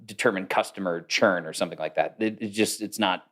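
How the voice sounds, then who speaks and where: A man's voice: deep voice, brisk, fairly bright tone. A man speaking as a podcast guest, explaining ideas in a thoughtful, casual way with fillers. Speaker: guest, AI consultant. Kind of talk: casual interview talk.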